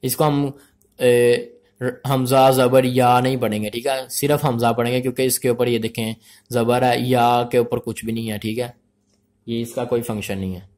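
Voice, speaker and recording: A man teaching Quran reading, slowly spelling out letters and vowel marks, then blending the syllables in a measured, drawn-out way. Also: mid-range voice, flat delivery, darkish tone. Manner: addresses learners as friends. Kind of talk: spelling-out recitation lesson.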